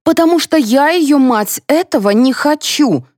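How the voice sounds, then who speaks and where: A woman reading an audiobook, voicing a quick-tempered, indignant mother in a high, sharp voice. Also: animated, dry recording, clean studio sound. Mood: defiant.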